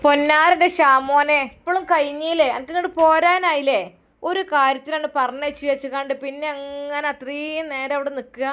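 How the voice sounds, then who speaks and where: A loud, reproachful older mother-in-law who nags and scolds in a raised, fairly high voice, put on by a woman storyteller. She speaks, and her lines come out pushy and complaining. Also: little pitch movement, a little fast. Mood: scolding.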